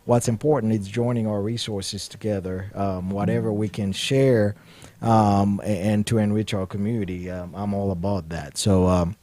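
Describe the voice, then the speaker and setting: A man's voice: fairly low pitch, steady tone, normal speed, warm tone. A man hosting a radio show, talking casually in a rambling way with frequent restarts and "you know".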